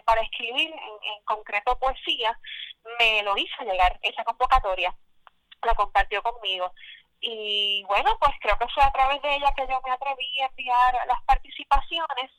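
A Puerto Rican woman in her forties, talking as a guest in a relaxed, thoughtful way. Her voice is bright and forceful and comes through dry, with no room around it. She often pauses with fillers and restarts her sentences. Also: on the high side, no room sound, rough recording. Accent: Puerto Rican Spanish. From Puerto Rico. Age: 40s. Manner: reflective, many fillers and restarts. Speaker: guest poet. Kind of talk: casual interview.

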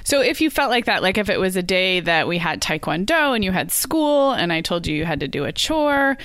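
A woman's voice: fairly low pitch, sing-song, a little fast, a bit bright, dry recording, studio quality. A woman in her thirties hosting a podcast in casual chat, talking freely with frequent ums and restarts. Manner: chatty, many ums and restarts. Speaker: podcast host.

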